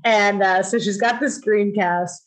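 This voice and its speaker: With a mid-range voice, fairly even intonation, and a measured pace, a middle-aged woman recounts a personal story casually and chattily on a rough recording. "Like" and "you know" fill her talk, and she acts out quoted lines by raising her voice.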